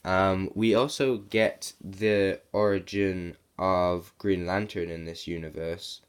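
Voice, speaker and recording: A man's voice: sits low, fairly even intonation, takes it slowly, smooth. A man with a sore throat and sniffles giving a casual, rambling video review as a comic book reviewer.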